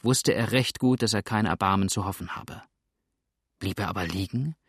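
A man narrating an adventure novel in a steady, measured reading voice. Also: on the low side, dry recording, studio quality. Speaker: audiobook narrator. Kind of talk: scripted narration.

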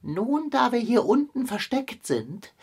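A woman's voice: fairly high pitch, big pitch swings, takes it slowly, a little mellow, breathy edge, exaggerated voice. A woman voicing a pompous male pirate cat in a children's radio play, speaking in stiff, old-fashioned phrases.

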